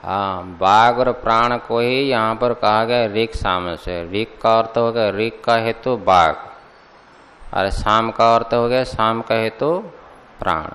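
Man, scripture teacher, low voice, deliberate questioning lecture, long reverberant hall. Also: a bit bright. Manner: slow, deliberate explaining with rhetorical questions to students. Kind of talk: classroom commentary lecture.

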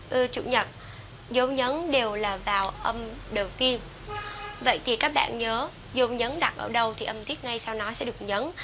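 Vietnamese woman teacher, clear bright tone, stretches out example words slowly. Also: on the high side, slight background noise. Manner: slow, drawn-out model words between quick explanations. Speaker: English teacher. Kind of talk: pronunciation lesson.

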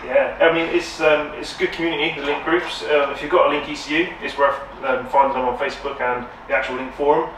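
A man's voice: fairly high pitch, fairly even intonation, quick pace, few pauses, fairly bright tone, a little hiss or hum. A man, hosting a workshop video in an upbeat, chatty way. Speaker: host, workshop presenter. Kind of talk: casual presenting. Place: tuning workshop, indoors. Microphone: far camera. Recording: echoey workshop from far off.

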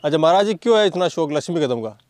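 A man's voice: a little high, animated, very fast, a little mellow, no room sound. A man hosting a casual interview, asking questions, repeating the answers back and humming in agreement. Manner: inquisitive, repeats answers back, frequent hums of assent. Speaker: host interviewing a horse owner.

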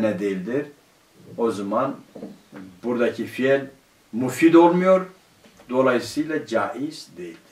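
Man, teacher, grammar lesson, quizzes the class and answers himself, heard from across a roomy classroom. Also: mid-range voice. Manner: asks the class questions and answers them himself; slowly spells out quoted classical phrases. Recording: roomy, distant room mic.

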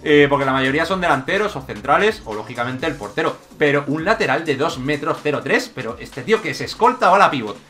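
Hyped guy commentating his football game, kinda high voice, jumps from yelling to muttering. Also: faint music behind. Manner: excitable, jokey, rapid shifts between shouts and mutters. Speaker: gaming YouTuber. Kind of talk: energetic gameplay commentary.

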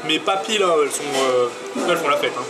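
A man's voice: fairly high pitch, fast talker, poor audio. Young man talking with his mouth full. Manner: enthusiastic, swears often. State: talking while eating a fry. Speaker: food reviewer. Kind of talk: casual food tasting chat. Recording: loud background music.

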